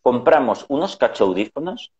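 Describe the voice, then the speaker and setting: A middle-aged man appears as a guest, telling family anecdotes in casual conversational storytelling and acting out the voices of those he quotes. His voice is medium-pitched, sing-song and a little mellow at a moderate pace, on a dull lo-fi recording.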